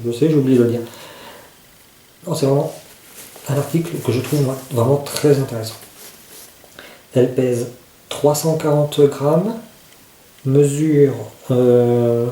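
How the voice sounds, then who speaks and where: A man talks through a piece of outdoor gear in a loose, informal way, circling back to repeat his points as he shows it off. His voice is dark and mellow, and it bounces around a roomy, echoey space with a faint hiss behind it. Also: medium pitch. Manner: informal, repeats himself, demonstrates while talking. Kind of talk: casual product demonstration. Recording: roomy echo, faint noise.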